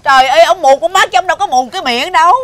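A woman's voice: very high-pitched, fairly bright tone, slight background noise. An actress playing an exasperated middle-aged mother who scolds her blind ex-husband in a TV drama. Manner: scolding, rapid and indignant. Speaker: former wife. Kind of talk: TV drama acting.

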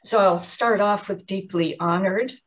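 A woman giving an explanatory museum talk on artist's books, measured and often pausing with um and uh. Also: mid-range voice. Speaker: art lecturer.

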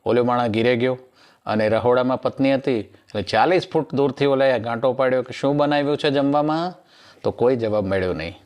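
A man's voice: mid-range voice, brisk, darkish tone. A male comedian, telling jokes in a rustic storyteller manner and acting out each character. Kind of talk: stand-up joke telling.

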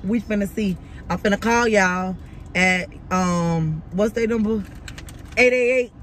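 A woman with an American accent chatting casually and colloquially with her children as she hosts a family candy review inside a car. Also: mid-range voice. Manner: colloquial, playful, talking to her children in the back seat. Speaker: mother and vlog host. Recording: loud car noise and ambience.

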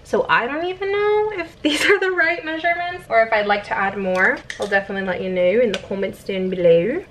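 A woman's voice: fairly high pitch, brisk, few pauses, fairly bright tone, a little hiss or hum, poor audio. A young woman in her twenties chatting casually through a home cooking vlog, laid-back and giggly. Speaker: vlogger. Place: home kitchen. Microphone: camera set in the microwave.

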